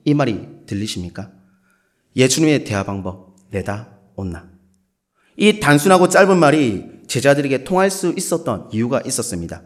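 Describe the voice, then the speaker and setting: A Korean man with a Gyeongsang accent preaches with a very animated, swooping voice. He is playful and breaks into short acted quotes, his pitch sitting in a middle range for a man. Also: a little fast. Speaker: pastor. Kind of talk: sermon.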